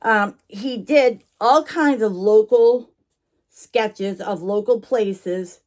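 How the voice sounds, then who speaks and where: Woman, casual vlog chat, chewing gum while talking, mid-range pitch, rambling, apologetic, self-interrupting. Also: very slow, a little mellow. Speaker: online vintage shop owner and vlogger.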